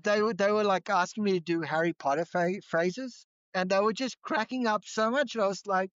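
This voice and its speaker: A man's voice: high-pitched, fairly quick, fairly bright tone, dry recording, dull audio. A man chatting casually with strangers, rambling, repeating words and swearing freely.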